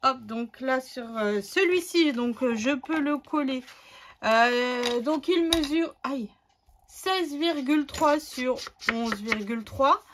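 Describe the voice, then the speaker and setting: A woman talks through her crafting in an unhurried, relaxed way, her voice sitting a little high. She chats casually and thinks aloud between steps. A faint hiss sits under the recording. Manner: chatty, thinks aloud while working, many fillers. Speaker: scrapbooking tutorial host.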